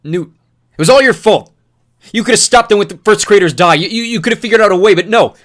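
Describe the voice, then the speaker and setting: Ranting and screaming bitter accusations, a man voices a furious young man sliding into madness, spitting rage. His pitch is medium and he talks fast, in something close to an everyday voice.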